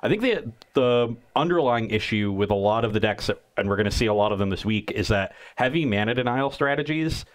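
A man with a fairly low voice co-hosts a card game match. He breaks down strategy in long, steady, analytical explanations, in a casual tone. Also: fairly quick, hardly any pauses.

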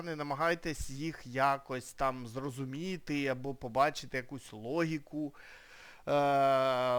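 A young man from Ukraine, an English teacher, explaining a lesson casually with frequent pauses and hesitations. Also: on the high side, a bit bright, clear, resonant tone.

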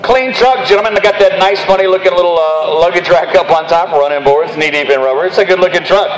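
A man in his fifties working as an auctioneer at a live car sale, chanting bids repetitively and addressing bidders between calls. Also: high voice. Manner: rapid repetitive bid chant with drawled asides to the crowd. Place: large hall with high metal ceiling. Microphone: handheld microphone held at the lips. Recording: echoey PA sound with background noise.

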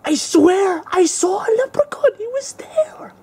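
A performer voicing an excitable, gullible male plumber toy, exclaiming dramatically and slangily in an amateur puppet skit. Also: very high-pitched, unhurried, background noise, full character voice. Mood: excited.

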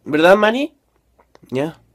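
A woman's voice: lowish voice, sing-song, slow pace. A woman with a Mexican Spanish accent acting out exaggerated comedy sketches, switching between mother and child roles.

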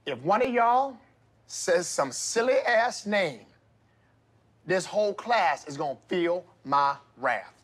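A man playing a strict, combative middle-aged substitute teacher from an inner-city school in a comedy sketch, stern and husky as he barks at the class. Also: sits high, lively intonation, takes it slowly, a bit bright, exaggerated voice. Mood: menacing, exasperated. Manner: stern substitute teacher barking roll call.

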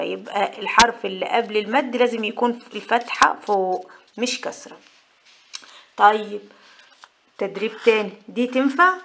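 A woman's voice: medium pitch, creaky, a bit bright, slight background noise. A woman with an Egyptian Arabic accent teaching a patient lesson, asking questions and answering them herself. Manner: patient, asks and answers her own questions. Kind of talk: whiteboard lesson for mothers.

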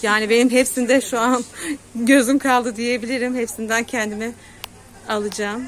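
A woman's voice: on the high side, steady tone, moderate pace. Chatty woman vlogging an outdoor market. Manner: chatty, addresses followers directly, promotes market stalls. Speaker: travel vlogger. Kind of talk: walking tour vlog narration. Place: outdoor seaside market street. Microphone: handheld camera.

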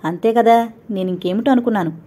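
A woman's voice: a little high, fast, warm tone, close to an everyday voice. A woman doing an easygoing old man. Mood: mild.

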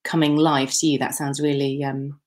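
A woman's voice: very deep voice, little pitch movement, moderate pace, a little mellow. A woman, hosting an online festival from her home kitchen over a webcam, chatting casually with lots of fillers and jokes. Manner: chatty, jokey, frequent fillers and laughs. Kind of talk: casual live-stream chat. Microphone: laptop webcam video call.

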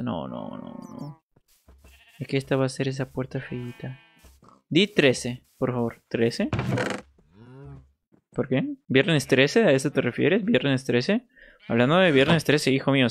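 A man's voice: mid-range voice, vocal fry, a little hiss or hum. A man casually commenting on his gameplay, chatting with viewers and playfully coaxing animals in a sing-song voice. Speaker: gaming streamer.

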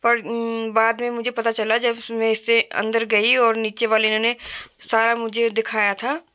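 A middle-aged woman from Himachal Pradesh, India, films a casual walkthrough of an indoor retail store on her phone, chatting plainly with fillers. Her slightly high voice is monotone at normal speed, pushed and bright, with a clear, resonant tone.

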